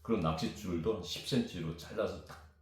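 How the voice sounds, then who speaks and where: A man in his fifties from South Korea, telling childhood stories in a rambling, animated way as a guest. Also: low-pitched, a little fast. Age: 50s. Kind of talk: storytelling chat. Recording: very echoey room with music behind.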